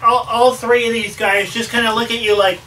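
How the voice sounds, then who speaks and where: A game master narrating a tabletop game in a relaxed way, with fillers and frequent laughs. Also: medium pitch, fairly quick. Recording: distant mic with hiss.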